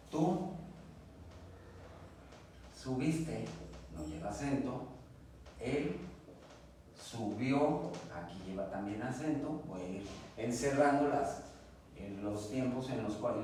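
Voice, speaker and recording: A man's voice: mid-range voice, darkish tone. A man teaching a grammar lesson at a classroom board, patiently spelling out each verb form step by step. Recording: echoey room, distant mic, faint noise.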